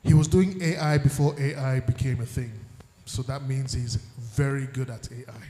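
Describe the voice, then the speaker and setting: A man moderating a conference panel, reading the panelists' bios aloud in a measured way with dry asides. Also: medium pitch, fairly even intonation, dark tone, slight background noise. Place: large conference hall. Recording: echoey hall with long reverb.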